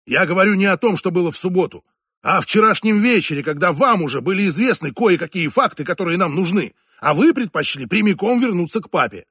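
A man voicing a gruff middle-aged police inspector who talks brusquely and impatiently on the phone in an audiobook. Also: high voice, animated, fast talker, a bit bright, no room sound, clean studio sound, exaggerated voice. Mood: stern. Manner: brusque, impatient, calls the other fool.

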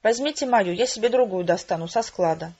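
A woman voicing a short, fussy man organizing people from a list, husky and on a dull lo-fi recording. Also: mid-range voice, a little fast, a little mellow, lightly acted. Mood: bossy. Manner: bustling, bossy.

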